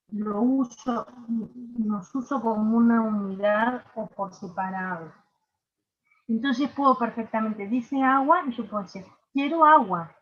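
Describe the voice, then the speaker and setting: A woman's voice: fairly high pitch, dull audio. A woman with a Uruguayan Spanish accent giving an online workshop lecture, explaining patiently with frequent fillers and checking questions. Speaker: workshop instructor.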